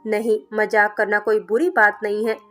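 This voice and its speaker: A woman's voice: medium pitch, little pitch movement, moderate pace, a bit bright. A woman reading a family story aloud as scripted narration, speaking every character's lines in her own voice. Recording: narration with background music.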